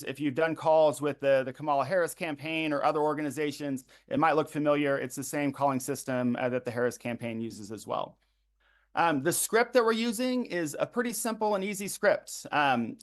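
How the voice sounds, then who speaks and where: A man organizing a phone bank, walking volunteers through a calling script with frequent ums and uhs. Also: on the high side. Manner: frequent ums and uhs, repeats web addresses slowly. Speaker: campaign organizer leading a phone bank livestream. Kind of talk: instructional briefing to volunteers.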